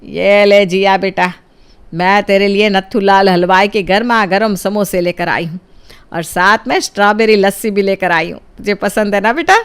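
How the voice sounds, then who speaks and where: A woman's voice: medium pitch, normal speed, clear, resonant tone, voice pushed down, natural voice. A woman voicing a scolding old grandmother who spoils her granddaughter, in a cartoon storybook. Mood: chiding. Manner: indulgent, chiding.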